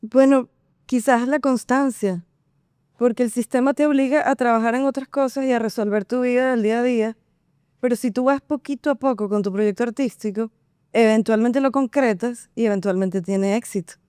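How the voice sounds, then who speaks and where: In clean studio sound with no echo, a woman speaks at normal speed in a smooth, slightly high voice. She's a Venezuelan singer and actress chatting as an interview guest, playful, lively, and quick to laugh.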